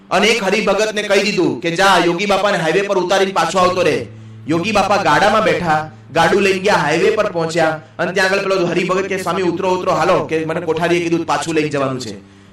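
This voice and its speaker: A man, a monk, telling a story in a sermon, quickly and briefly voicing the characters in lower tones. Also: fairly bright tone. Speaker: monk preacher. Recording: echoey hall, distant mic.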